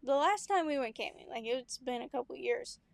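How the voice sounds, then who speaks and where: With an animated, high-sitting voice full of vocal fry, a young woman co-hosting a podcast spins family stories at a moderate pace. She laughs often and acts out what people said in this casual chat, recorded with no room sound.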